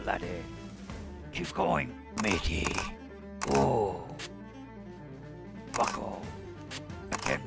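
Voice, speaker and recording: An actor voicing a lusty male pirate soda can in a video game, with gravelly, growling pirate talk. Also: medium pitch, full character voice.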